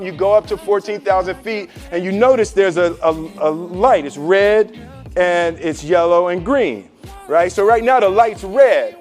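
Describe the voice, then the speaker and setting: A man with a notably high voice tells a story to an audience in a casual, conversational way. He slips into the voices of the people in his story and keeps his talk loose and full of slang. Faint music plays underneath. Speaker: speaker telling a story to an audience.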